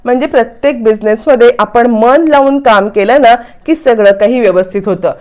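A woman's voice: fairly high pitch, normal speed, a little mellow, natural voice. Brief: know-it-all young man coaching a friend, as a woman narrator voices him. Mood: lecturing. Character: young man lecturing a friend on business tips.

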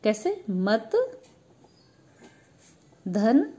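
A woman's voice: medium pitch, sing-song, very slow, dark tone. A woman teacher giving a grammar lesson, patiently asking questions and answering them herself. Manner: addresses students as children.

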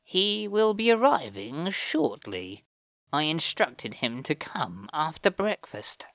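A man voicing a wise, calm elder fae woman in an audiobook, speaking slowly in a measured, formal way. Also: fairly high pitch, gravelly, no echo, pitched above the performer's own voice, heavily acted. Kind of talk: audiobook character voice.

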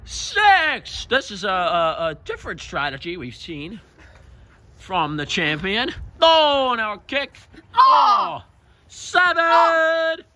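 Loud jokey guy doing wrestling commentary, bright sharp voice, up and down a lot, bit of noise behind. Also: high-pitched, unhurried. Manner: excitable, joking, shouts the count. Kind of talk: excited play-by-play commentary.

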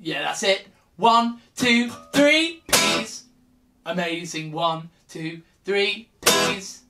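A man's voice: sits high, animated, drawn-out words. Upbeat man teaching kids with guitar. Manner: upbeat, encouraging, sings and prompts children. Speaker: children's music teacher. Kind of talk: interactive kids' music lesson with singing. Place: small room with guitars on the wall, indoors. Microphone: camera in front, seated with acoustic guitar. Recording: guitar accompaniment throughout.

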